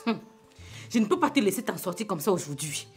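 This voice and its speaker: A woman's voice: medium pitch, very animated, brisk, darkish tone, husky, faint music behind. A woman with a Cameroonian French accent playing a firm wife who runs a restaurant. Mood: indignant. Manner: firm, dismissive. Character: proud, firm wife and elder sister.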